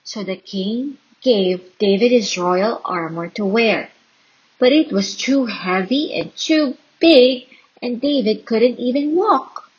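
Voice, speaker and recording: A woman reading a children's Bible story aloud in an expressive, dramatic and deliberate storytelling style. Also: a little high, breathy edge, lo-fi sound. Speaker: storybook reader.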